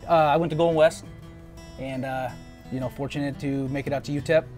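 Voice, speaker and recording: A former teammate telling an easygoing story in a documentary interview. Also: male voice, medium pitch, steady tone, a little fast, a little mellow, faint music behind.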